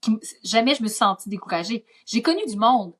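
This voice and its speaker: Chatty woman with a softened Gaspésie accent. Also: a little high, fast talker. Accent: Gaspésie French, softened toward standard Quebec French. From Gaspésie, Quebec. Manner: chatty, lively storytelling full of asides. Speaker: guest, actress. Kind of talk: casual podcast conversation.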